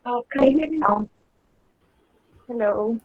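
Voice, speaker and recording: A woman's voice: a little high, measured pace, phone-quality sound. A woman taking an online speaking test over a video call, her voice breaking up as the call keeps dropping out. She sounds apologetic and hesitant. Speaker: language test candidate.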